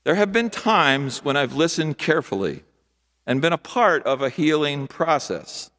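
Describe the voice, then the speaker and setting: Older man, pastor, sermon, high lively voice, rhythmic repetition, church reverb. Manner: rhythmic, repetitive preaching with emphatic pauses; gestures broadly with both hands while preaching. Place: large church sanctuary, at a wooden pulpit. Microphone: pulpit microphone. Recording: long church hall reverb.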